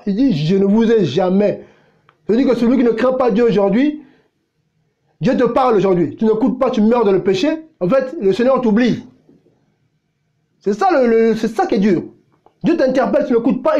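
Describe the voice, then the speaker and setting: A man's voice: extremely high pitch, brisk, warm tone, lo-fi sound. A pastor delivering a blunt, confrontational sermon, firing rhetorical questions at his listeners. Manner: blunt and unpolished.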